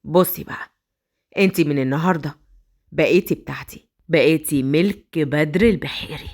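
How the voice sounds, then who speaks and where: A woman voicing a ruthless male mafia boss who speaks slowly and mockingly in an Egyptian accent. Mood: menacing. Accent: Egyptian Arabic. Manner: slow, low, taunting.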